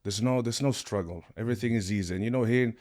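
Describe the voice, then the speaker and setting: A man from Sweden talks as a guest on a podcast interview. His voice sits fairly low, and he speaks in an animated, expressive way about coaching. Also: fast. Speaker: guest, martial arts coach.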